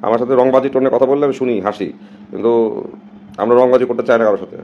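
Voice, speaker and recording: A man's voice: medium pitch, steady tone, fast talker, lo-fi sound, a little hiss or hum. A man from Bangladesh, talking casually and emphatically to his viewers on a live stream and slipping English phrases in.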